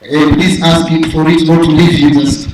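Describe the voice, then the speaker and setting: A man's voice: on the high side, little pitch movement, normal speed. A man with a Tanzanian accent speaks as master of ceremonies at a live event, addressing the audience in a playful, informal way. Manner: playful, informal, with call-and-response. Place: large echoing hall at an event. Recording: echoey hall, distant mic, faint noise.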